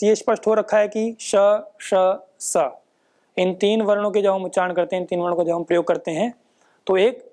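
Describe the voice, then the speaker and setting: A woman giving a Sanskrit phonetics lesson, who poses questions and answers them herself and demonstrates each sound slowly and carefully. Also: on the low side, dark tone. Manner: frequent checking tags like "है ना?". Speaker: Sanskrit teacher. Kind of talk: explanatory phonetics lecture.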